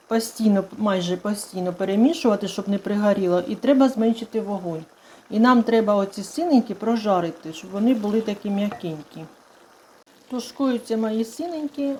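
Mellow-voiced homely woman cooking. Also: medium pitch, a little hiss or hum. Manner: unhurried, homely, chatty explanations. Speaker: cooking channel host. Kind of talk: home cooking demonstration. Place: home kitchen. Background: sizzling frying food.

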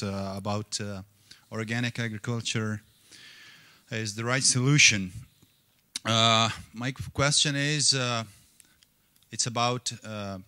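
A young male student from Afghanistan asks the panel his questions through a handheld mic in a conference hall. His voice sits low and he often pauses on "uh". The sound is dry and close. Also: bright, forceful tone. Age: young adult. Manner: hesitant, with many uh fillers. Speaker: student asking questions from the audience. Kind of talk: audience question.

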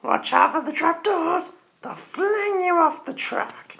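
Cackling high-voiced woman hosting. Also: slow pace, fairly bright tone. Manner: theatrical, cackling, teasing. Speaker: host. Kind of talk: playful Halloween hosting.

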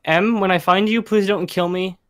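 A man's voice: high-pitched, steady tone, moderate pace. A young man gaming online with friends over a headset mic, joking in a playful, self-mocking way. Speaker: gamer friend. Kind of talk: casual gaming chat.

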